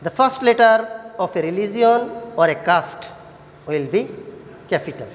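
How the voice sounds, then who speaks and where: Speaking at a medium pitch with plenty of animation, a Bangladeshi-accented woman leads an English lesson for kids. Her style is that of an upbeat children's TV host, full of praise and purposeful sing-song questions, all captured in a reverberant hall-like space.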